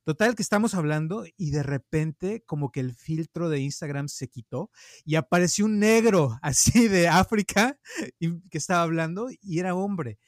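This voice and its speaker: A man with a Mexican Spanish accent, chatting casually and telling stories with lively acted-out quotes. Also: a little high, moderate pace, no room sound, studio quality. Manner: storytelling, animated, acts out quoted voices. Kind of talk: casual chat.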